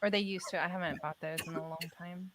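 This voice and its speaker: A woman's voice: on the low side, steady tone, fast, heavy background noise. A woman hosting a casual chat, talking freely and asking questions. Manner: chatty, asks questions.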